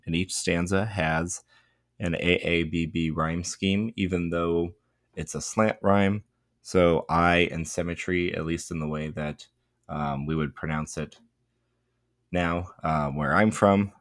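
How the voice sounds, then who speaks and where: Deep voiced guy teaching a poem, slow and thoughtful, lots of ums, dry sound. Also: dry recording. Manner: thoughtful, unhurried explaining with fillers and restarts. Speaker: English teacher. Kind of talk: spoken poetry lesson.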